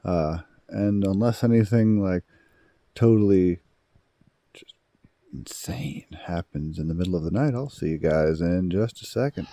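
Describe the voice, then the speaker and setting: A man's voice: low-pitched, measured pace, warm tone. A man hosting a camping vlog outdoors, talking casually to camera in a playful, rambling way and often repeating his phrases. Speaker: outdoor camping vlogger and host. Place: outdoors at a forest campsite. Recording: clear outdoor background noise.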